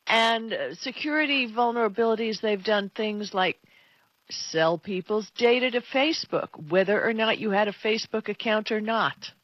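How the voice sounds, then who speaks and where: A woman's voice: mid-range voice, expressive, moderate pace, no echo, dull audio. A woman co-hosting a tech talk show, chatting casually and giving her opinions in an emphatic, conversational way. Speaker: tech radio co-host.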